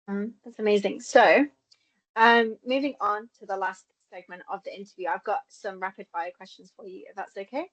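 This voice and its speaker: A woman's voice: medium pitch, fairly even intonation, fairly quick, few pauses, fairly bright tone, highs cut off. A young woman hosting a conversational interview, asking questions and responding to the answers.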